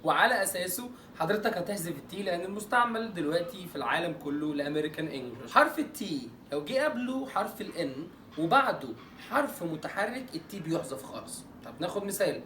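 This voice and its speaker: A man with an Egyptian Arabic accent teaching English pronunciation in an online lesson. He jokes playfully and draws out example words slowly. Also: high-pitched, very animated, sharp tone, reverberant, recorded from a distance, a little hiss or hum.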